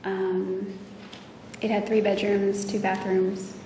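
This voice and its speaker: A woman testifying as a witness, speaking hesitantly with many pauses and fillers, in a courtroom recording. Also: medium pitch, little pitch movement, dark tone. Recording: echoey courtroom audio from far off with noise.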